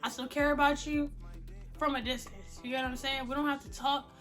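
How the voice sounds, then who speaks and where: Bright, high-voiced young woman venting. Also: a little fast, soft background music. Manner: blunt, animated, slangy, swears freely. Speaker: vlogger. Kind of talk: casual storytime vlog.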